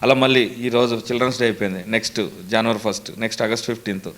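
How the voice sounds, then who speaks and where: A man's voice: mid-range voice, fairly even intonation, rapid-fire, a bit bright. A young man, a mimicry artist answering interview questions earnestly, in a storytelling way. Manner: earnest, storytelling, lists names steadily.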